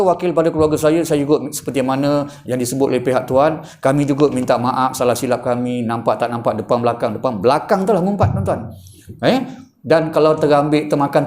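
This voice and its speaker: A man's voice: fairly high pitch, a little fast. A male preacher with a Malaysian Malay accent gives a mosque lecture, keeps calling out to the congregation and acts out the gossip in small voices. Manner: animated, addresses the congregation again and again, acts out gossip in little voices. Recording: echoey room.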